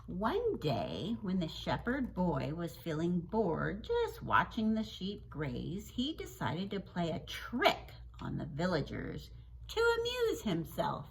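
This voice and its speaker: Woman, teacher reading a children's story, slow and unhurried, sing-song, very lively pitch. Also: creaky, slight background noise, poor audio. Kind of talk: children's story read-aloud.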